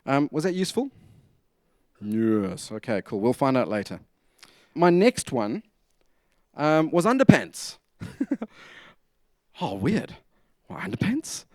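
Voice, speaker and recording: At a conference venue, a man gives a chatty, jokey talk, constantly asking the audience to respond or nod and tossing in humorous asides. His medium-pitched voice is sing-song and slow, with frequent pauses, and there is no room sound.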